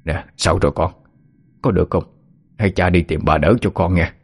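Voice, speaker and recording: Man doing a stern old village chief, deep gruff voice, threatening, storybook. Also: fairly even intonation, normal speed. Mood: worried. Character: fierce old male village chief, protective grandfather.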